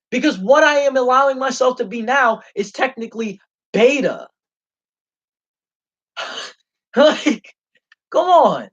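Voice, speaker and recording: A man's voice: very high voice, a bit bright. Young guy going off on a live stream, fired up and cussing a lot, dull lo-fi sound. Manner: passionate, profane and heated. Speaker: livestream host. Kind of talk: unscripted livestream rant.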